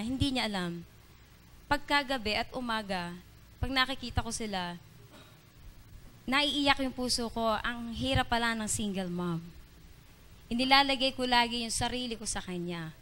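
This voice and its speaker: Earnest woman giving halting church testimony. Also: on the high side, fairly bright tone. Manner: earnest, halting with many fillers and restarts. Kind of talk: spoken testimony in Tagalog-English mix. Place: church evening service.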